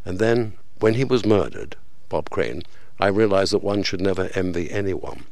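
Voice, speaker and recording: A man's voice: deep voice, normal speed, darkish tone, dry recording. An older man, a veteran broadcaster, reminiscing and telling stories on the radio.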